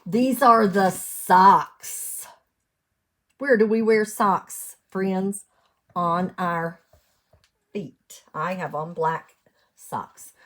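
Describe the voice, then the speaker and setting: An American woman who has lived in West Virginia reads a storybook to young children the way a teacher would. Her medium-pitched voice is expressive and sing-song, with drawn-out words and long pauses, and she asks the kids questions.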